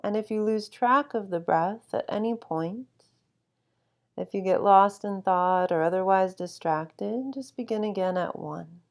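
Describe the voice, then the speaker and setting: A woman guiding a sleep meditation with calm, soothing instruction and long, unhurried pauses. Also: medium pitch. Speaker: meditation guide.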